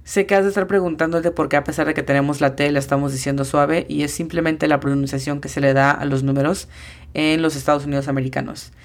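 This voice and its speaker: A woman's voice: low-pitched, fairly even intonation, quick pace. A woman teaching an English lesson in a podcast, patiently spelling out pronunciations letter by letter.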